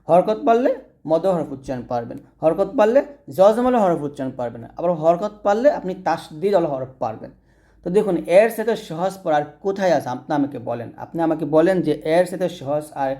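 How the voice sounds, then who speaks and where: Male Quran reading teacher, mellow and warm, talks viewers through each step and slows to spell out sounds. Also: sits high. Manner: explains step by step, asks and answers own questions, slows to spell out sounds. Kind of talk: spoken lesson to viewers.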